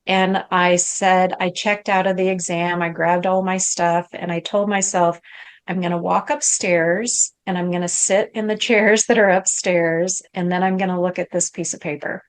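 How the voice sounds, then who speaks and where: A middle-aged woman, a guest coach, telling a story in a conversational interview, her voice rising high as she relives moments. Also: moderate pace, clean tone. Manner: animated, rises high when reliving moments.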